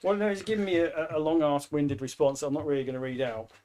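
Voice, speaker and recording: Brief: male podcast co-host, slightly higher voice, wry and teasing, builds up jokes dramatically. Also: steady tone, fast talker, a little mellow. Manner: wry, mock-dramatic build-ups, swears freely. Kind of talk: casual banter.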